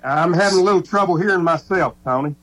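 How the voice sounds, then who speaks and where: A man's voice: sits high, quick pace, a bit bright. Man sounding muffled, as if through a wall. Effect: muffled and distant, as if heard through a wall. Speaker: sports radio co-host. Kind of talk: sports radio chat.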